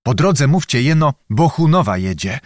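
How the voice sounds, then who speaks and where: Servant role: shrewd, unhurried young man, read by a male narrator, lifted, animated delivery in a dry booth. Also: medium pitch, no echo, natural voice. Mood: sly. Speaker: storyteller within the tale.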